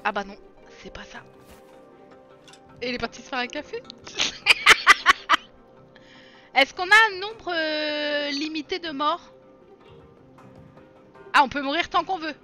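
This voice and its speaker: Excitable high-voiced woman gamer. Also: slow, long pauses, faint music behind. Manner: excitable, laughs a lot, self-mocking, shouts at the game. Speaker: streamer playing a co-op video game. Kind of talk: casual let's-play chatter.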